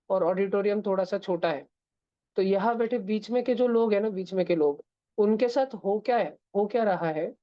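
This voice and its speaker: A woman's voice: medium pitch, dry recording, dull audio. A woman teaching physics in a casual classroom style that has in it. She keeps checking that her students are following. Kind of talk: classroom lecture.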